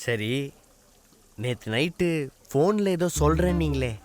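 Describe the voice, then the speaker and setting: A man's voice: on the high side, lively intonation, unhurried, darkish tone. An actor playing a shy, joking young man in a film comedy, talking in bashful, playful banter. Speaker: young man Maanik, comic lead. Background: film music score.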